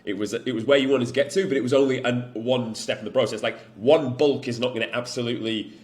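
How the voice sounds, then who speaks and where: A man's voice: medium pitch, steady tone, fast talker. A young man with a northern English accent, a fitness coach talking bluntly to camera and swearing often. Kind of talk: unedited talking-to-camera vlog. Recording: echoey room.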